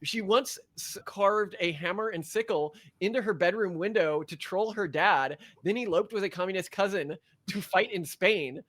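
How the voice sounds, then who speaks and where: A high-pitched, somewhat bright male voice at a moderate pace belongs to a podcast co-host. He reads facts off a list and rambles sarcastically through a casual, opinionated chat.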